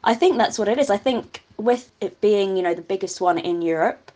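A woman's voice: mid-range voice, moderate pace, warm tone. A woman answering interview questions, chatty and enthusiastic, laughing now and then. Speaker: carnival band committee member.

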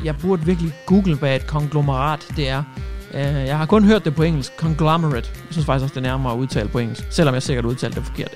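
A man hosting a radio show, delivering a cheeky, jokey news monologue and dropping English phrases into his talk. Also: fairly high pitch.

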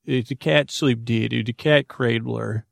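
A man hosting a sleep podcast rambles in a goofy, whimsical way, halting and meandering through many tangents and false starts. His voice is mid-range and creaky with fairly even intonation, captured in a dry, clean studio recording.

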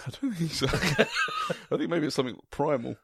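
A man's voice: fairly high pitch, wildly swooping pitch, moderate pace, gravelly, a bit bright, a little hiss or hum. A young man, co-hosting a casual podcast, telling crude stories and laughing often. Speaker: podcast co-host. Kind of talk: casual chat.

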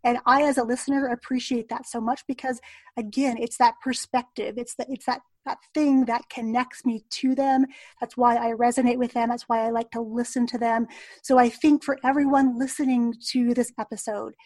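Lady podcast host, higher voice, dry close mic, agreeing and building on points. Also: little pitch movement, normal speed, a little mellow, dry recording. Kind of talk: conversational interview.

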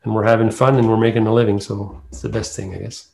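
A man's voice: lowish voice, little pitch movement, quick pace, creaky, darkish tone. A middle-aged man from New Brunswick with an Acadian accent, answering interview questions in a casual, rambling way as a singer. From New Brunswick, Canada. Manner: rambling, loosely strung clauses.

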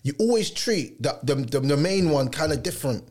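A man's voice: fairly high pitch, animated, normal speed, a little mellow. A young man with a London accent and roadman slang, chatting casually as a podcast host. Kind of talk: casual chat.

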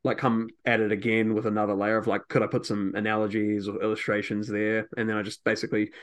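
Chatty podcast host, low voice. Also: male voice, flat delivery, quick pace, smooth. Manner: chatty, full of filler words, eager. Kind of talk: casual chat.

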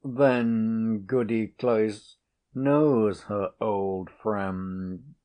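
Man reading as a calm, sly devil. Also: on the low side, drawn-out words, highs cut off. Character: sinister calm older male traveller, the devil. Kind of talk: audiobook character reading.

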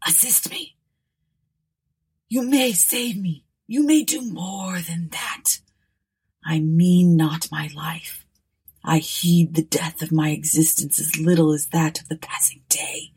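A woman voicing a dying male nobleman, secretive and fierce, in a hoarse whisper. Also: medium pitch, a little slow, few pauses, a little mellow. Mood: pleading.

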